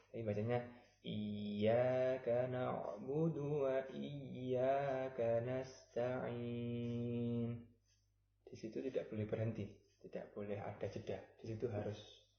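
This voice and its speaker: A man teaching Quran recitation, explaining patiently and chanting example verses slowly. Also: fairly low pitch. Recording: roomy, slightly dull recording.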